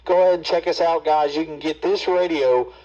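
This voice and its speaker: A man who runs a radio shop, heard over a CB radio speaker as he counts off a steady audio test. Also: fairly high pitch, a little fast. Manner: steady, plain counting in short bursts. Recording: dull, lo-fi radio speaker sound.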